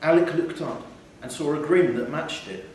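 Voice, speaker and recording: At a live event in an indoor theatre, a man with a slightly high voice reads a literary short story aloud at a normal speed. The mic is distant, so the recording is very echoey, with faint noise.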